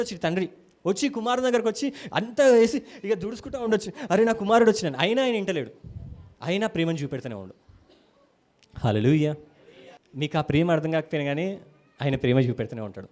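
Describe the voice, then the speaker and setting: A man with a Telangana Telugu accent preaching a sermon in a church, animated, acting out quotes and calling hallelujah to the congregation. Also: high-pitched, fast, long pauses.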